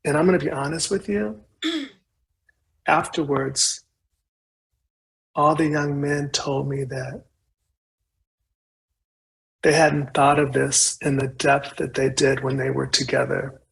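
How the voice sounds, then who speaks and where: A man giving an earnest, measured talk as a conference presenter, pausing as he speaks. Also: a little high, steady tone, gravelly, low-quality recording. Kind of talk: reflective presentation.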